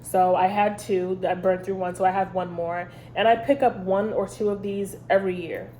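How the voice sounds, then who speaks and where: A woman with a head cold hosts a candle review vlog, her stuffy, congested voice sitting mid-range with fairly even intonation and a mellow quality. She chats casually at a moderate pace, rambling with lots of ums. The recording is rough, with slight background noise.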